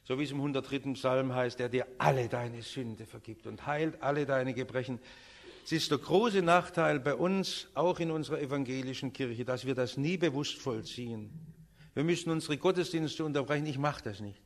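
An older man preaching a sermon in an impassioned way, building from quiet earnestness to loud, emphatic peaks. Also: medium pitch, moderate pace. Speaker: pastor.

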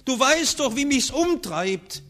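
Man, preacher, sermon, high voice, slow, earnest, rising and falling delivery. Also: very animated. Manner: earnest, with strong rises and falls in pitch and loudness.

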